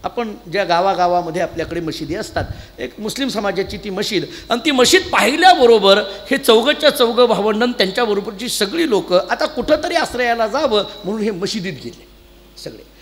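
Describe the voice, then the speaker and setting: A man giving a devotional storytelling discourse, animated and addressing the audience directly. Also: high voice, a little fast. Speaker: spiritual discourse speaker. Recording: long hall reverb.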